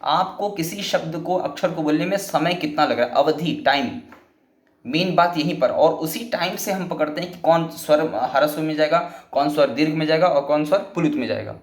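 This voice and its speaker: A man's voice: a little high, normal speed, reverberant. A man teaching a Sanskrit lesson, patiently explaining and restating each point several times.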